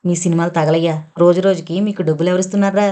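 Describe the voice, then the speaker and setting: A woman's voice: fairly low pitch, fairly even intonation, fast, dark tone, natural voice. A woman voicing a harsh, scolding older mother-in-law who drags out her taunting words. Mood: shrill berating.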